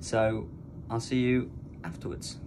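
A man's voice: medium pitch, a little slow, noisy background. Young man vlogging aboard a ship. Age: young adult. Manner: relaxed, explanatory, conversational. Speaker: cruise ship deck officer vlogging his day. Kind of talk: casual vlog narration. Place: indoors on a ship, offices and mess rooms. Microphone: phone held at arm's length.

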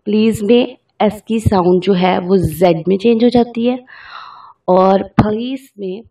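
A young woman teaching English pronunciation, saying each word slowly and repeating it with care. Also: mid-range voice, mellow, husky, recorded from a distance, rough recording. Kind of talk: slow, careful language lesson.

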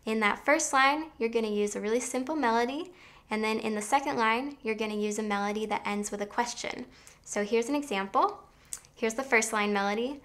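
A young woman with a slightly high, fairly bright voice talks at a fairly quick pace. She's giving an online songwriting lesson, explaining things in an upbeat way and sometimes singing short phrases to demonstrate.

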